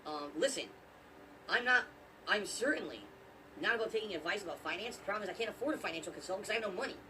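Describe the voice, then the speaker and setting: Defensive, fast-talking streamer man. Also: high-pitched, expressive, sharp tone, distant mic, slight background noise, low-quality recording. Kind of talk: livestream talk.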